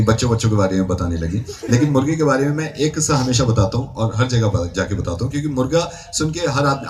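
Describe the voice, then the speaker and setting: A man from Delhi, a radio host, telling funny stories to a live audience in an animated, chatty way. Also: mid-range voice. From Delhi, India. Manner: animated storyteller, chatty and amused. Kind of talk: live anecdote talk to an audience. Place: university event hall. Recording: noisy live recording with clicks.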